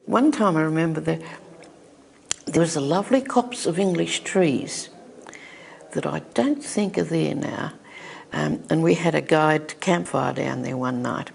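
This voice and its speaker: Elderly woman storyteller, gravelly voice, brisk reminiscing. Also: sits low. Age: 80s. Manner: fond, chuckling storyteller. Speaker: oral history interviewee. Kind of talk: reminiscing anecdote.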